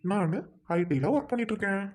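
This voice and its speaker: A woman voicing a kind young man who gently coaxes a crying stranger and jokes a little. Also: mid-range voice, animated, brisk, natural voice. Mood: coaxing. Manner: soothing, coaxing, lightly joking. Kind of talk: amateur dialogue drama.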